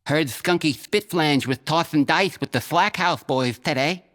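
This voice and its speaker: Squeaky goblin street kids. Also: male voice, a little slow, a bit bright. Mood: eager. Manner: eager and cheeky.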